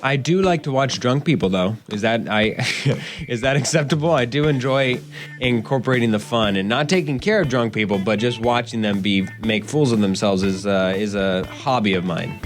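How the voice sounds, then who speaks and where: A man's voice: mid-range voice, lively intonation, normal speed, soft background music. A young man co-hosting a casual podcast, quizzing his partner with a joking, playful delivery. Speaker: podcast co-host. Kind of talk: casual sports podcast chat.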